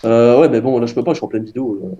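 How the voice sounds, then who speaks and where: A man's voice: medium pitch, racing, dark tone, highs cut off, a little hiss or hum. Chatty man hosting a gaming session. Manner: chatty, addresses viewers as friends, hesitant fillers. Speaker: gaming video host. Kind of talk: casual multiplayer gaming chat.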